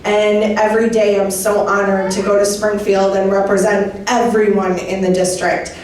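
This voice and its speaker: A woman state legislator giving a warm, earnest campaign speech of thanks to constituents. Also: medium pitch, flat delivery, moderate pace, a little hiss or hum. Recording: echoey room from far off.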